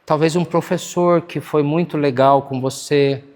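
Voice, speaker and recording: A man's voice: a little high, steady tone, unhurried, darkish tone. A man with a Brazilian accent preaching a sermon in a church, earnest and conversational, often checking in with his listeners. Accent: Brazilian Portuguese. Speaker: pastor. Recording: church hall with long reverb.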